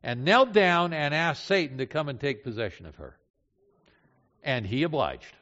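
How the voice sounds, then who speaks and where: Older male preacher, storytelling sermon, punchy emphasis then hushed asides; a touch high, echoing hall. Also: big pitch swings, moderate pace. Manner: storytelling, swings between loud emphasis and hushed low lines. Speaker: pastor. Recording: dull sound in a reverberant hall.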